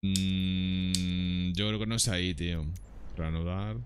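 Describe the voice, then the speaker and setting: A man's voice: sits low, flat delivery, slow, music in the background. A man streaming a game, muttering to himself with exasperation while reading menu options aloud. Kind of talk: live gameplay commentary.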